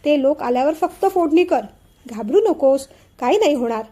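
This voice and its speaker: A woman voicing a calm young sister-in-law who talks a frightened girl through cooking in a teacherly, soothing way. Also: sits high, normal speed. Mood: reassuring.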